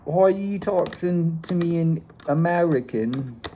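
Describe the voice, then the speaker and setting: A man's voice: a little high, a little slow, mellow, slight background noise, voice pushed up, close to an everyday voice. A man putting on a mock British accent. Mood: chatty. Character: chatty young man faking a British accent. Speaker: DIY car repair vlogger. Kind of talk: casual chat.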